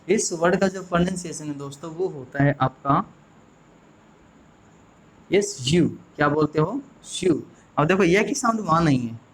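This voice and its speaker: An Indian male English teacher explains grammar in a classroom lesson, coaxing his class and quizzing viewers with repeated questions. His voice is on the high side, and the audio quality is poor.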